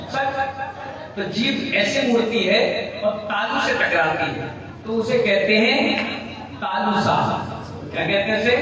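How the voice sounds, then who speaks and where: A Jain monk with a high voice teaches a slow pronunciation class, drilling words in call-and-response as the audience repeats each one after him. He's recorded far from the mic in an echoey hall with a crowd.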